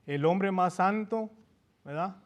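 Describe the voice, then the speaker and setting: High-voiced fervent male preacher. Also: slow pace. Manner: switches between Spanish and English, repeating each passage; addresses the congregation as brothers, rising in fervor. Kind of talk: bilingual sermon.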